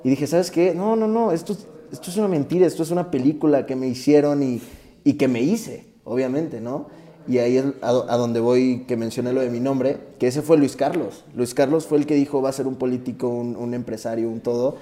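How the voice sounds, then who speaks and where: A young rapper from Tabasco, speaking with a Mexican Spanish accent, tells his story as a guest in a casual interview, earnest and reflective. His male voice is medium-pitched and mellow, brisk in pace, with fairly even intonation.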